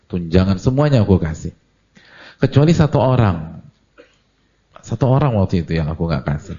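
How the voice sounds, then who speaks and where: A man preaching a lively conversational sermon, asking the audience questions and acting out what people say. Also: sits low, moderate pace, slightly rough, highs cut off. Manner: animated, acts out quoted voices, asks the audience questions. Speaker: Islamic preacher.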